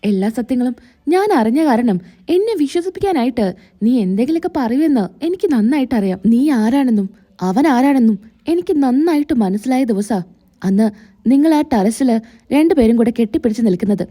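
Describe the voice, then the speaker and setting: A woman's voice: a little high, lively intonation, fairly quick, dark tone. A woman retelling a serial, voicing a stern young husband who speaks coldly and dismissively.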